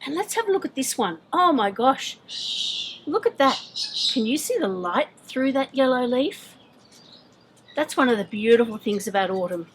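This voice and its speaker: A woman presenting to young children outdoors in a garden, with a bright, sing-song children's-host delivery, speaking to them directly. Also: fairly high pitch, rough recording. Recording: clear outdoor background noise.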